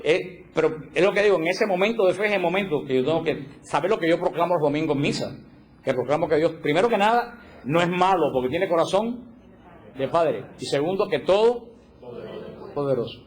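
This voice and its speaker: A man giving a religious teaching talk, animated, acting out little quoted voices and repeating points for emphasis. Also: fairly high pitch, brisk. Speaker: catechism teacher.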